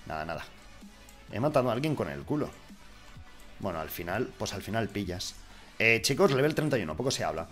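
Excitable young man gaming, shouting. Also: lowish voice, a little fast, long pauses, soft background music. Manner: excitable, swings from muttering to shouting, swears a lot. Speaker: gaming YouTuber. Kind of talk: casual gameplay commentary.

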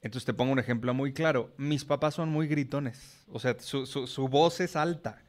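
A middle-aged man with a Mexican accent explains himself frankly in a casual podcast chat. His voice sits in a middle pitch, and he swears now and then without any fuss. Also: moderate pace. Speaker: podcast guest.

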